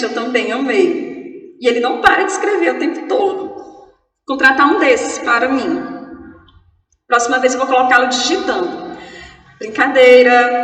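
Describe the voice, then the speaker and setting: A woman with a Brazilian Portuguese accent, teaching an online grammar class in a playful, chatty way and slowly spelling words out. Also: sits high, echoey room, long reverb tail, recorded from a distance.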